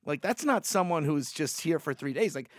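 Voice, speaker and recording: In studio-quality audio with no room sound, a Puerto Rican man, a native Spanish speaker, argues emphatically as a guest in a panel discussion. His voice is a little high and his speed normal, and he's animated, full of "like"s and restarts.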